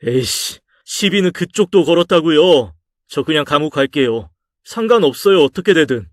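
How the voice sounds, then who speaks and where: A man's voice: on the high side, animated, normal speed, dry recording, clean studio sound, pitched above the performer's own voice, lightly acted. A man reading a story aloud and voicing a sulky, hopeless young adult son who talks back in a raised voice. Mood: defiant. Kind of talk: audio drama story reading.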